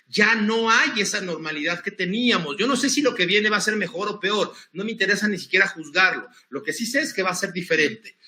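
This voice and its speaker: A man giving a lively conference talk on emotions, coaching listeners through breathing exercises. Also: high voice, echoey room. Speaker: motivational speaker.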